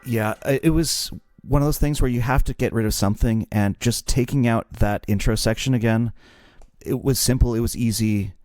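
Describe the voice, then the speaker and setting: A man's voice: medium pitch, normal speed, a little mellow. A man co-hosting a podcast, explaining songwriting in a casual, self-deprecating way. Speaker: podcast co-host.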